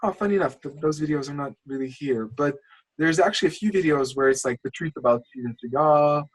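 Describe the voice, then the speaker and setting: A man from Lithuania, not a native English speaker, works as a channel coach on a casual screen-share video call, rambling with passion and starting over many times. His voice runs a little high at a quick pace, and the recording is rough.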